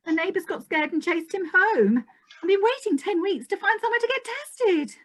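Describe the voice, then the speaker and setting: A woman's voice: extremely high pitch, lively intonation, normal speed. A woman playing a mopey, disillusioned young fairy-tale princess in a comic pantomime, plaintive and sighing.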